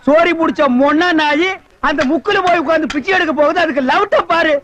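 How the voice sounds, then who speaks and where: A man with a Tamil accent acting a scornful loudmouth who mocks and scolds beggars in a film comedy scene. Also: very high-pitched, fast. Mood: scolding. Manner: sharp mocking scolding. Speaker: comedy actor.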